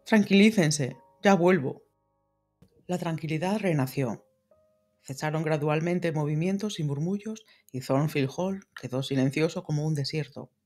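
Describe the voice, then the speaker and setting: Guy reading an old novel aloud, kinda high voice, slow dramatic delivery. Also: darkish tone, faint music behind. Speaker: audiobook narrator. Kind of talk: scripted literary narration.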